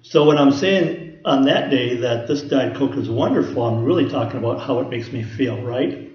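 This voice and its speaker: A man's voice: mid-range voice, moderate pace, muffled recording. Man preaching a sermon in a roomy hall. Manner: conversational teaching with personal examples. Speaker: pastor.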